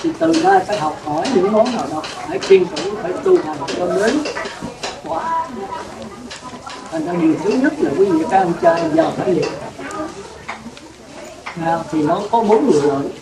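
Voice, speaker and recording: Monk preaching from a distance in a roomy hall. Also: male voice, high voice, very animated, normal speed, long pauses, crowd noise. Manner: plain-spoken, rhetorical questions to the audience. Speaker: Buddhist monk. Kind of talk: sermon. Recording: roomy, distant mic with clear noise.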